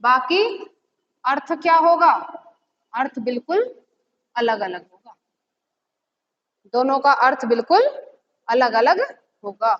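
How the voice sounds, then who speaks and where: A woman teacher giving a lesson, asking questions and answering them herself, repeating key words slowly. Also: high voice, lively intonation, fairly bright tone. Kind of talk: classroom lesson. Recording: echoey, slightly dull audio with faint noise.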